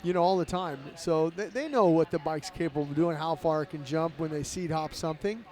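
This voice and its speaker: A man co-hosting live race commentary, explaining riding in a relaxed way with plenty of fillers. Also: on the high side, fairly quick. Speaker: co-host and analyst.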